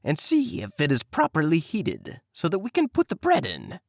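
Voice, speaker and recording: A man's voice: a little high, wildly swooping pitch, normal speed, dry recording, studio quality, pitched above the performer's own voice, exaggerated voice. A man voicing a wicked, mocking old female witch in a storybook reading. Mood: cruel.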